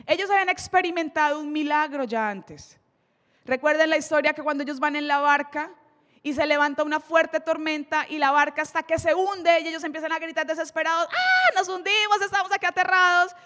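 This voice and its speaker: In a church's large hall, a woman preacher with a Colombian accent gives an emphatic sermon, retelling scripture with dramatic storytelling and slowing down for key lines. Her voice is high, a bit bright, and steady in tone.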